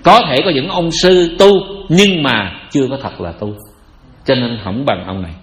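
A man of medium pitch and fairly bright tone, speaking with a Southern Vietnamese accent, gives a Buddhist sermon in an echoey hall. The teacher jokes, chats, and asks his listeners rhetorical questions.

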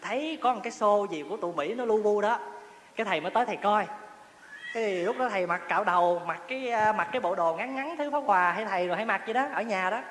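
A fast-talking monk with a high-pitched, fairly bright voice gives a chatty dharma talk full of humor, frequent laughter and questions to the listeners. Expect a roomy, reverberant hall, faint ambience and a little hiss or hum.

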